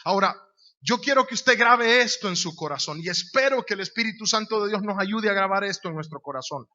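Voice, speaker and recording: Bright-voiced Honduran preacher. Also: male voice, high-pitched, expressive, fairly quick. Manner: emphatic, repeats key phrases, rhetorical questions. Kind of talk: sermon. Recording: dull lo-fi recording.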